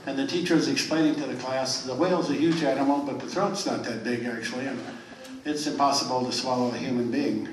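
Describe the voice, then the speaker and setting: A man's voice: mid-range voice, fairly even intonation, a little hiss or hum. Older male stand-up, folksy storyteller, joke-by-joke delivery; distant mic, roomy hall with faint ambience. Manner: folksy, rambling set-ups with quick punchlines. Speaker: stand-up comedian. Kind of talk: joke telling to a live audience. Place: clubhouse of a retirement community.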